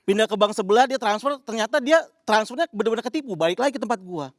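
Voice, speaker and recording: A man's voice: high voice, fast talker, no echo, clean studio sound. A male comedian doing a punchy stand-up set, acting out characters in his bits.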